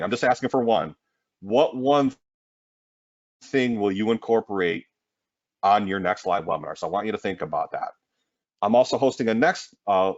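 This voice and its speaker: A man presenting a marketing webinar in an energetic sales pitch, often tossing in "right?". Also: dry recording, lo-fi sound.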